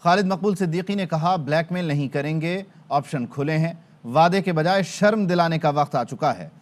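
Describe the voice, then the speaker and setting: A male news anchor reading a television bulletin in a crisp, formal manner. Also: a little high, normal speed.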